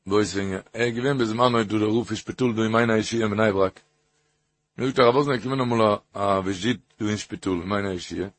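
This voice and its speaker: A man giving a Torah talk with stories, halting and repeating phrases, rising into an emphatic sing-song. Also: lowish voice.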